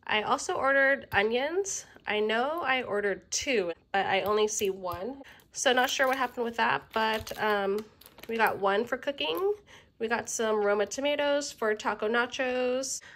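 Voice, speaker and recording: At her home kitchen table, a woman in her thirties from a Filipino family shows off a grocery haul for her vlog, sounding a little under the weather. Her voice is fairly high and unhurried, and her relaxed, friendly chat is full of "um" fillers.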